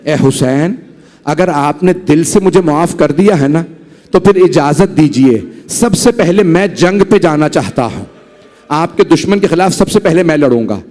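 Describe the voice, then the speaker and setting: Penitent warrior, voiced by a male preacher, low imploring tone, high-set voice. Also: expressive, a little mellow. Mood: pleading. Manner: low, slowed, imploring delivery. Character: repentant warrior man, pleading, remorseful.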